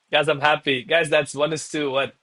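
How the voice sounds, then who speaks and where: A man with a slightly high-pitched voice hosts a casual livestream. He talks like a gym bro, loose and informal, addressing his viewers as buddies while he gives running commentary as a trader. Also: bright, forceful tone. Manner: bro-heavy, hyped gym-bro style talk. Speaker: live trading streamer.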